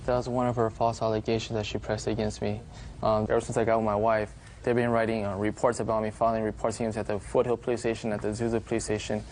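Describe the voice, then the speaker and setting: Brief: male TV court litigant, lowish flat voice, quick account of his side, some room noise behind. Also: rough recording. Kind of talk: explaining his side to a judge.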